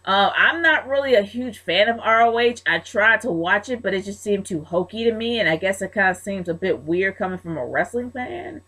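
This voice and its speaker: A woman's voice: medium pitch, expressive, normal speed, hardly any pauses, bright, forceful tone. Frank, chatty woman vlogger. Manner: frank and chatty, blunt opinions. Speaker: wrestling vlogger answering viewer questions. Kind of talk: casual Q&A commentary.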